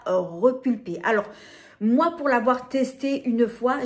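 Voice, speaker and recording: A woman with a French accent casually reviewing lip glosses, hesitating often with fillers and restarts. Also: on the high side. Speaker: beauty vlogger.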